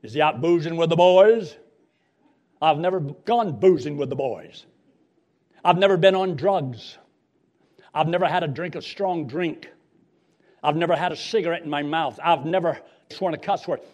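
Male preacher, somewhat high register. Passionate, emphatic Bible sermon, direct address, key words stretched for weight. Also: moderate pace, darkish tone. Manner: direct address with rhetorical questions. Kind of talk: sermon with Bible reading and storytelling.

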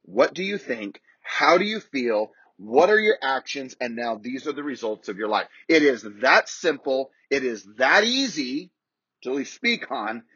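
A man's voice: mid-range voice, lively intonation, unhurried, a bit bright, husky, no echo, muffled recording. A man coaching real estate agents in an emphatic, repetitive motivational talk.

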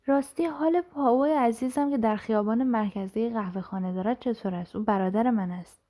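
A woman's voice: a little high, dark tone, natural voice. A woman voicing a blunt old village grandmother.

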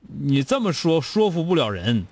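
A man's voice: a little high, very animated, moderate pace, darkish tone, no room sound. A man with a Northeastern Chinese accent hosting a call-in advice show, blunt and scolding, firing rhetorical questions. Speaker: radio call-in show host.

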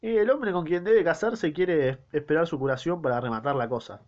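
A man's voice: fairly high pitch, moderate pace, highs cut off, pitched above the performer's own voice, lightly acted. A man with an Argentine accent reading the lines of a worried old father, formal and earnest. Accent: Argentine Spanish.

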